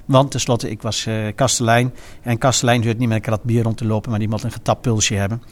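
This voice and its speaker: A man with a regional eastern Dutch accent reminiscing informally, speaking in a halting way and often pausing mid-sentence. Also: medium pitch, little pitch movement. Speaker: former carnival prince and innkeeper recounting his carnival.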